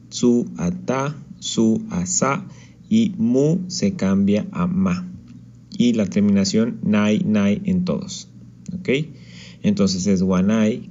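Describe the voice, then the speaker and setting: Male teacher, slow and patient, mellow tone, dull lo-fi recording. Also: fairly low pitch, slight background noise. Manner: patient, checks in with "¿ok?". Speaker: Japanese teacher. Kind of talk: slide-based language lesson.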